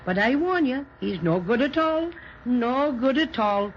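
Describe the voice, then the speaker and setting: A cheerful little cinnamon teddy bear who guards the children and shoos away pests. The voice sits a bit high and stays brisk and reassuring. It comes through a muffled, faintly hissy 1930s radio transcription. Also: female voice, animated. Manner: cheerful, bossy toward the stork, reassuring.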